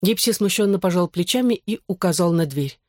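An audiobook narrator reading a novel with even, measured narration. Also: medium pitch, dry recording, studio quality. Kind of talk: scripted narration.

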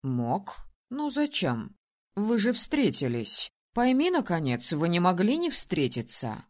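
A woman reads as an ancient male keeper and creator, unhurried and condescending, in a storybook reading. He talks slowly, in a voice that sits lower than hers. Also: huge pitch swings, darkish tone, heavily acted. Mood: calm. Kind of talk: audiobook character voicing.

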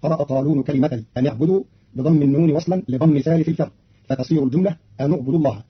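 Male radio presenter, formal explanatory delivery, slightly high voice, muffled archive recording. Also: slightly rough. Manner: formal, explanatory, quotes verses in a slower voice. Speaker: radio announcer explaining recitation variants. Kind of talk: formal scripted radio commentary.

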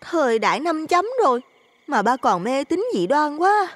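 This is a woman acting out a skeptical young woman in an audio drama who teases her father, with a Southern Vietnamese accent. Her voice is high and bright, close and dry. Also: sing-song, moderate pace, no room sound. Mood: mocking. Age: young adult. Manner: mocking, scolding. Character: skeptical grown daughter teasing her father.

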